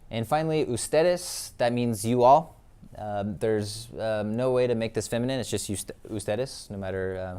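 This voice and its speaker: Male Spanish teacher, lowish smooth voice, patient classroom delivery with frequent fillers. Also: darkish tone. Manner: explains patiently, many ums and uhs. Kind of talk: classroom lesson.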